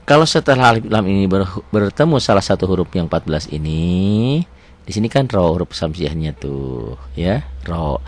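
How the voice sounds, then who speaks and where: A man teaching tajwid in a chatty, self-assured way, breaking into slow melodic Quran recitation. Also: low-pitched, sing-song.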